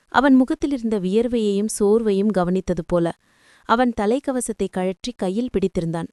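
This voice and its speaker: A woman storyteller reading a story in a calm, measured and emotive way. Her voice is mellow and dark, smooth and clear. The sound is close and dry. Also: mid-range voice, dry recording. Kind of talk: scripted narration.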